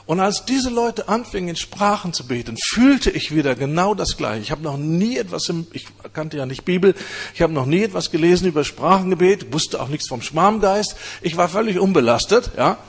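A man preaching, telling his own conversion story in an earnest, halting way. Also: on the high side, breathy edge. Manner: earnest storytelling with many hesitations. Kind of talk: testimony sermon.

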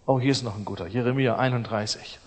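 A middle-aged man preaching a sermon, emphatic and repeating his phrases, swinging between loud outbursts and soft asides. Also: mid-range voice, quick pace. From East Germany. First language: German. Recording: long hall reverb.

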